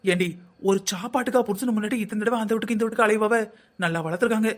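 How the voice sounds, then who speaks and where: A nagging older husband in a cartoon, as voiced by a performer, talking in a quick, middling-pitched voice with a South Tamil Nadu accent. He scolds and grumbles about the household without pause. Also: natural voice. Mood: grumbling. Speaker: voice actor in a family cartoon. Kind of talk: cartoon family comedy acting.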